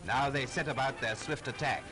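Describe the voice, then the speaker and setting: Man narrating an old wartime newsreel. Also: medium pitch. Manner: brisk, formal, patriotic delivery. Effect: old newsreel soundtrack. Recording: old newsreel soundtrack over loud music.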